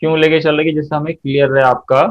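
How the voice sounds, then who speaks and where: Hindi-speaking man teaching software steps. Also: a little high, little pitch movement, fast talker, lo-fi sound. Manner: explains step by step, often checks students' answers. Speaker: accounting teacher. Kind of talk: software tutorial lesson.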